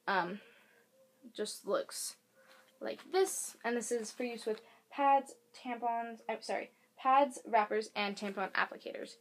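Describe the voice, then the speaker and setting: A woman's voice: on the high side, unhurried. A young woman vlogger at home giving a casual product demonstration, rambling with lots of fillers and self-corrections. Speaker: beauty and advice vlogger. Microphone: camera mic. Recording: faint hiss from air conditioner.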